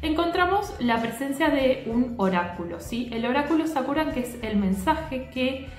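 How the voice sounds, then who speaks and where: A woman teacher explaining a lesson to her students, often pausing to check that they follow. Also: high voice, expressive. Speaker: literature teacher. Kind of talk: recorded class lecture. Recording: echoey room.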